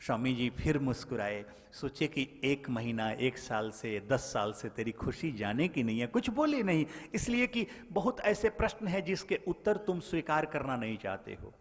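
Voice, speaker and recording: A man preaching a sermon as a spiritual teacher, swinging between loud exhortation and soft storytelling and calling listeners his brothers. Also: mid-range voice, sing-song, moderate pace, hardly any pauses. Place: large event hall. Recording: long hall reverb.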